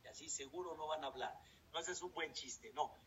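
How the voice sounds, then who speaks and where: A man with a Mexican accent, a rabbi giving a sermon in a lively storytelling way with jokes. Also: fairly quick. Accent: Mexican Spanish. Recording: distant dull recording with rumble.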